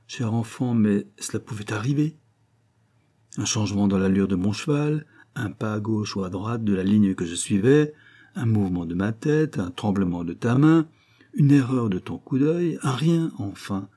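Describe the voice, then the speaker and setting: A male reader brings in a kindly old forester, a father figure who scolds mildly but swells with pride. His voice sits low and mellow, with a husky grain. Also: expressive, moderate pace. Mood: gently scolding. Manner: mock-severe, then affectionate and proud.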